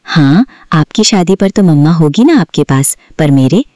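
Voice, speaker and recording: A woman's voice: low-pitched, lively intonation, moderate pace, a little mellow, dry recording, clean studio sound. A woman voicing a sulky, playful young bride in a storybook. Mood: tearful. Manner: pouty, teasing.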